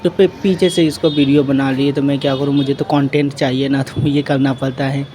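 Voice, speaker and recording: A man's voice: medium pitch, flat delivery, brisk, background noise. A young man narrates his vlog in a casual way and retells events with a lot of repetition. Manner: plain retelling in a loose, repetitive way. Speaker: vlogger.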